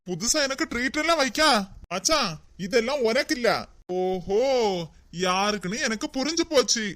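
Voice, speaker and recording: High-pitched cartoon young men, voiced by a man, trading teasing, melodramatic banter in a Kanyakumari Tamil accent. The sound is close and dry. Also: sharp tone, no echo, exaggerated voice. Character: two bickering young brothers-in-law.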